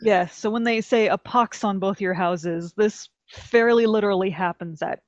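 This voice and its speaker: A woman from Texas hosting a casual podcast, chatty and animated, laughing often. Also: medium pitch, normal speed, no room sound, dull audio. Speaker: podcast host.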